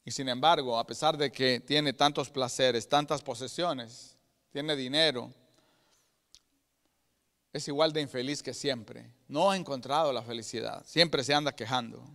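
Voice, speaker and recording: A man with a Guatemalan Spanish accent preaching a sermon as pastor, swinging from loud emphatic peaks to quiet low asides and often calling out to his brothers. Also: measured pace. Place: church sanctuary. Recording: long reverb of a church hall.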